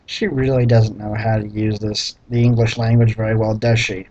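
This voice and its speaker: A man's voice: fairly low pitch, little pitch movement, unhurried, darkish tone, dull audio. A man reading a bad novel aloud and mocking it with sarcastic, exasperated comments. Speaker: book reviewer reading aloud. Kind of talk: sarcastic read-through commentary.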